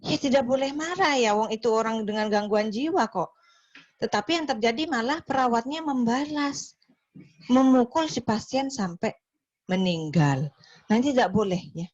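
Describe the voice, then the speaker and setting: A woman teaching a nursing class online, chatty, ending her phrases with "ya" and acting out patients and nurses in quick little voices. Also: on the high side, lively intonation, a little mellow, dry recording. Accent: Indonesian. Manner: chatty, ends phrases with "ya" and "gitu ya". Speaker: nursing lecturer. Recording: slightly dull lo-fi call audio.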